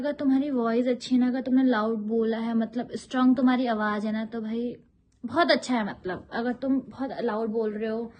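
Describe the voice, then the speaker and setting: A woman's voice: high-pitched, muffled recording. A young woman from India, a yoga teacher, chatting casually about her own life and often circling back to repeat herself. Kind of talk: casual personal storytelling.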